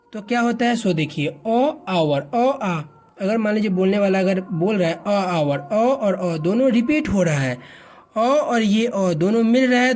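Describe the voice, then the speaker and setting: An English teacher from India giving a lesson explanation, asking and answering its own questions and drawing out sounds slowly. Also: mid-range voice, darkish tone.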